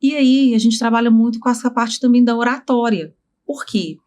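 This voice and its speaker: A woman's voice: fairly high pitch, moderate pace, a little mellow. A woman speech therapist being interviewed, earnestly explaining her work with examples and quoted dialogue.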